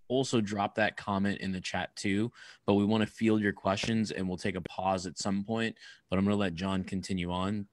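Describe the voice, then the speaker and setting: A man co-hosts an online webinar, casually urging viewers to post questions and comments in the chat. His voice sits on the low side, and it is recorded dry and close, with no room sound. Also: no room sound. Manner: upbeat, prompting the audience to comment. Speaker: webinar co-host. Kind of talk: casual moderating.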